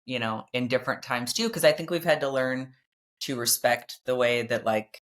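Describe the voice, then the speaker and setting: A woman's voice: extremely low pitch, normal speed. A woman hosting a podcast, talking candidly and reflectively with her husband, often speaking to women listeners. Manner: chatty with many fillers. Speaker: podcast host.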